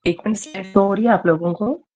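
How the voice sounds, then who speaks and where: A woman's voice: medium pitch, quick pace, darkish tone, soft background music. A woman teacher giving an online grammar class. She keeps quizzing her students and checks in with "okay" as she goes.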